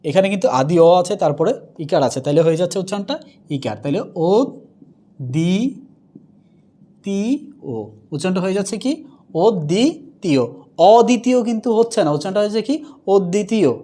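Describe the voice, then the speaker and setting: Male teacher, high mellow voice, quizzes himself as he explains, says example words slowly and repeats them. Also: lively intonation. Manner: asks questions and answers them himself. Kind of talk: pronunciation lesson.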